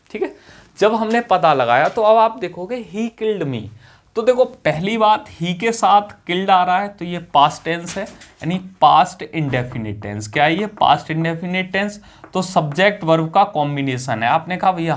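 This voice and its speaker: Male teacher drilling grammar by self-questioning. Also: high voice. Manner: asks questions and answers them himself, addresses students as "bhaiya" and "beta"; repeats key points, drawn-out words while writing on the board. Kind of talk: classroom-style grammar lesson.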